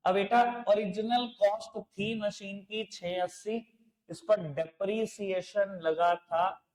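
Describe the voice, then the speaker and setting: A man's voice: high voice, fairly even intonation, slow pace, darkish tone. A man teaching accounts in a live classroom lecture, chatty and familiar with his students, mixing in English terms. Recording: echoey classroom.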